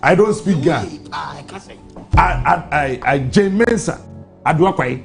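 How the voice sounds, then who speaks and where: High-pitched Ghanaian man hosting over music. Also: lively intonation, slow pace, creaky. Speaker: radio show host. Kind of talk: reading out legal text and explaining it live on air. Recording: music behind the voice.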